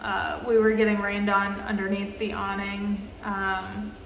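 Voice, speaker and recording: A woman in her twenties chats slowly and haltingly, with a flat, even delivery and lots of "um"s. Her voice bounces around the hard walls of a small public bathroom, giving a strong echo. A faint background hiss sits under the recording. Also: mid-range voice. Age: 20s. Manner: halting, filler-heavy, slow and even. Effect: roomy bathroom echo. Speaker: vlogger. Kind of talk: casual travel vlog chat.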